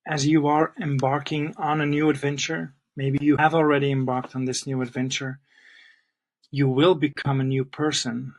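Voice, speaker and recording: A middle-aged Flemish man speaks English with his native accent, talking straight to the camera as a language teacher. He sounds earnest and heartfelt, and he addresses the viewer warmly. His voice sits at an ordinary male pitch. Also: level tone, normal speed, slight background noise, low-quality recording. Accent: Flemish Belgian. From Belgium (Flanders, near Antwerp). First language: Dutch (Flemish). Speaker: language teacher and channel host. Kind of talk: personal channel introduction to camera.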